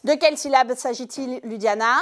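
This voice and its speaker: A woman teacher giving a lesson to young pupils in a classroom, speaking slowly and clearly and stressing each syllable. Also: sits high. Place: primary school classroom.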